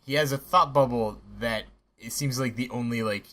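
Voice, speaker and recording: A man co-hosting a podcast in casual chat, talking haltingly with many restarts and laughs. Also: mid-range voice, bright, forceful tone. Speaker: podcast co-host.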